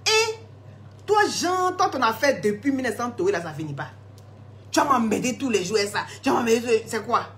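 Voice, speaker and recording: A woman's voice: on the high side, big pitch swings, a little fast, a bit bright, a little hiss or hum. A woman hosting a casual live stream, answering viewer comments in a chatty, teasing way and laughing often, recorded on a phone. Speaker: live-stream host selling skin products.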